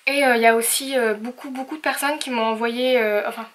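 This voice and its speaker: A woman's voice: a little high, steady tone, fairly quick, fairly bright tone. A young woman chatting casually in a craft haul video, talking with many hesitations and fillers. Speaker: craft vlogger.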